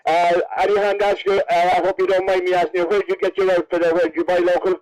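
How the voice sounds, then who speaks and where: A man's voice: high voice, level tone, fast talker, a little mellow, rough recording. An Irish man working as MC at an event, announcing and interviewing people in a jokey, teasing way. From Cavan, Ireland. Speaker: MC of a best dressed contest at horse races. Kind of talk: announcing and interviewing over a public address.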